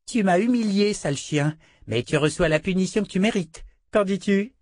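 A man voicing a cruel, taunting little princess, high and shrill. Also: moderate pace, a little mellow, no room sound, studio quality. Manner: taunting, gloating.

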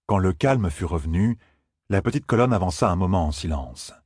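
A man narrating an audiobook in a measured storytelling manner, close to the mic. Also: sits low, animated, darkish tone, breathy edge, no room sound. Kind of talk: scripted narration.

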